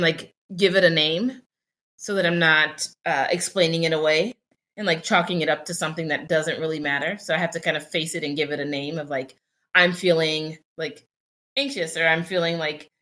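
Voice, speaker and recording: A young adult woman co-hosts a casual podcast, speaking candidly and reflectively with many fillers and restarts. Her voice is low-pitched with a sharp tone.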